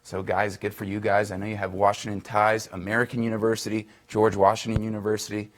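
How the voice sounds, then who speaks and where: A man reading a scripted sports segment for a local news broadcast, in a brisk, upbeat newsreader delivery. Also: on the low side, flat delivery. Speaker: sports reporter.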